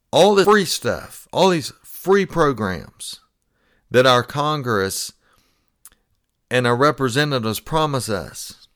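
A man's voice: mid-range voice, fairly bright tone, clean tone, dry recording, clean studio sound. A middle-aged man hosting a retirement money podcast, talking in a folksy, preachy way and repeating phrases for emphasis. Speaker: podcast host, retirement financial advisor. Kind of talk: monologue podcast commentary.

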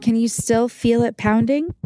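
Woman doing a soft reassuring mom talking to her kid, kids show. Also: a little high, steady tone, a little slow, soft background music, lightly acted. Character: caring mother, warm and reassuring. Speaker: mother.

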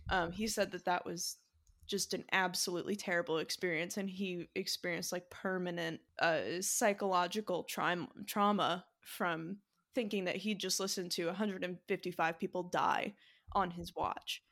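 A woman's voice: fairly low pitch, fairly even intonation, moderate pace, fairly bright tone. A woman hosting a casual podcast, talking in a chatty way with plenty of likes and ums. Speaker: podcast host.

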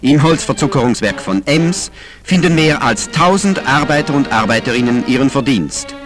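A man's voice: medium pitch, normal speed. A man narrating an old newsreel in a declamatory announcer style, played from an archive soundtrack. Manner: lively, declamatory announcer delivery. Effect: old newsreel soundtrack with music behind. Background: music.

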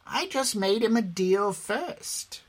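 A man's voice: sits high, expressive, slow, pitched above the performer's own voice, full character voice. A man voicing a cruel old woman necromancer who gloats and mocks her captives in a storytelling podcast. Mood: mocking. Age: older. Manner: mocking, cold, laughing at captives. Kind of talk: audio drama storytelling.

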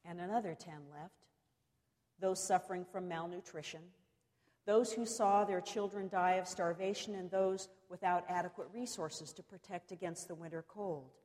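A woman preacher delivering a cathedral sermon in measured, solemn oratory, pausing deliberately between short phrases. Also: on the low side, fairly even intonation, a little mellow. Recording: long reverberant echo of a large hall.

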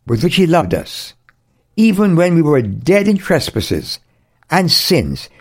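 A man's voice: on the high side, gravelly, darkish tone, husky. A man preaching an earnest radio sermon as a Bible teacher, with emphatic repetition.

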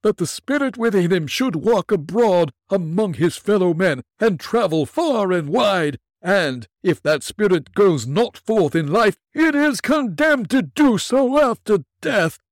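A man voicing the ghost of an old businessman, chained and tormented, in slow, mournful declamation in a storybook reading. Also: high-pitched, lively intonation, no room sound, clean studio sound, pitched above the performer's own voice. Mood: mournful wailing.

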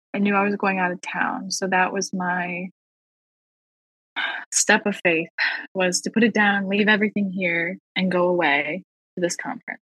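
Husky-voiced woman giving earnest testimony. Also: mid-range voice, a bit bright, no room sound, rough recording. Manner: earnest, slow and emphatic on key phrases. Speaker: returning podcast guest. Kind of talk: personal faith testimony in conversation.

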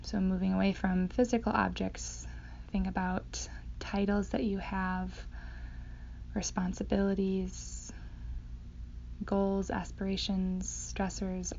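A woman leading a guided meditation in a slow, hypnotic, soothing manner with long pauses, her voice going breathy at phrase ends. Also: medium pitch, darkish tone. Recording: dull sound, faint background noise.

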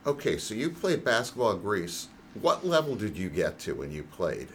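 A man's voice: on the low side, sing-song, normal speed, husky. A man in his sixties hosting a podcast interview, reading a scripted intro and then teasing his guests playfully. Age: 60s. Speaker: podcast host.

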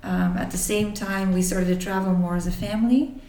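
A woman in her forties from Belgium, telling her life story to an interviewer in a thoughtful way, with many pauses and restarts. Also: medium pitch, steady tone, mellow, echoey room, recorded from a distance. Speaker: interview guest. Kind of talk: reflective personal storytelling.

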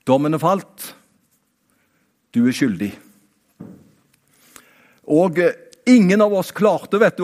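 A man preaching a sermon. He talks straight to his listeners, rising to emphatic high points and then dropping to quiet asides. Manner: animated, talks straight to the listener with repeated "vet du hva?"; swings between raised, emphatic peaks and quiet, low-voiced asides.

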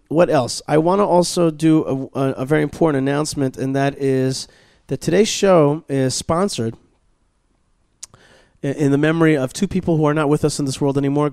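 A man's voice: mid-range voice, a little mellow, no echo, studio quality. A man hosting a radio talk show, chatting casually and doing sponsor plugs with many restarts and fillers. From Israel. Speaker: podcast host. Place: studio at a learning center.

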